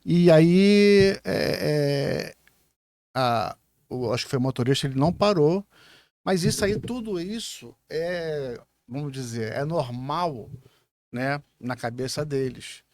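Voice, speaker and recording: A Brazilian man hosts a conversation and muses hesitantly, pausing to find his words. His voice sits a touch high, and the dry recording gives it an intimate studio feel. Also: a little mellow, no echo. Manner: reflective, hesitant, thinks aloud. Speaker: podcast host. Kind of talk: casual podcast conversation.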